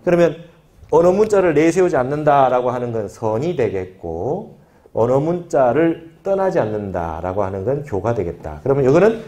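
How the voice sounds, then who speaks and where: A man's voice: mid-range voice, sing-song, normal speed, warm tone. A male Buddhist monk teaching a scripture class, explaining patiently and often asking his students for agreement. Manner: explanatory, repeats key phrases and asks the class for agreement.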